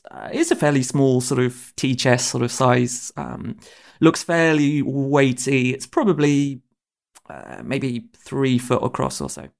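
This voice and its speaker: A man's voice: mid-range voice, animated, unhurried, creaky. A man running a tabletop role-playing game as game master, improvising descriptions in a loose, hesitant way.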